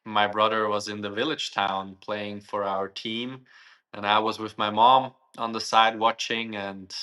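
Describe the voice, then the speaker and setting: Slow, bright-voiced young man. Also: on the low side, flat delivery. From Switzerland. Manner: thoughtful, searching for words. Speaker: guest. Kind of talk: interview answers.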